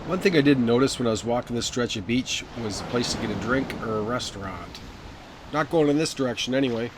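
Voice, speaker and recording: A man's voice: medium pitch, animated, fast. A man giving a conversational, informal travel vlog narration in a walk-and-talk style. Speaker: travel vlogger. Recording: noisy outdoor audio with ambient sound.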